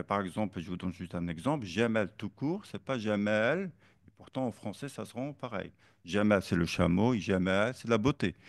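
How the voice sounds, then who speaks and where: A man's voice: lowish voice, gravelly, no echo, studio quality. A man giving an academic seminar lecture, hesitant with many fillers and restarts, now and then reciting Arabic verse and metrical feet. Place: seminar room.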